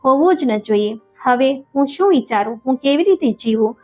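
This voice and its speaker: A woman's voice: high-pitched, expressive, moderate pace, darkish tone. A woman voicing an anguished young son. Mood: anguished shouting. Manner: crying out in despair. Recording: dull lo-fi with faint music.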